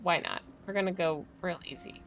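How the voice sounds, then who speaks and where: A woman's voice: fairly low pitch, fairly quick, music in the background. A woman streaming a game, chatting casually and thinking aloud while she plays, with frequent laughs. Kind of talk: casual gameplay commentary.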